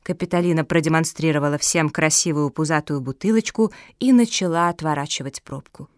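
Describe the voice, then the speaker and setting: A woman narrating a children's storybook in an even, clear storytelling manner. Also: deep voice, fairly quick, dry recording. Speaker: audiobook narrator. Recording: dry close studio sound.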